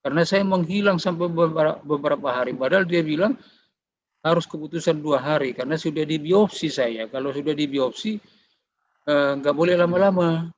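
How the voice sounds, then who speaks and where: A man's voice: on the high side, brisk. A middle-aged man giving a personal faith testimony, telling his story conversationally and acting out the dialogue. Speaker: testimony giver. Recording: dull, slightly muffled recording.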